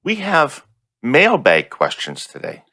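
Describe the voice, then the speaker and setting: A man's voice: mid-range voice, slow, creaky. A man hosting a political podcast panel and reading out listener questions. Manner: lively, reads listener mail. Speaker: podcast host. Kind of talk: casual panel chat.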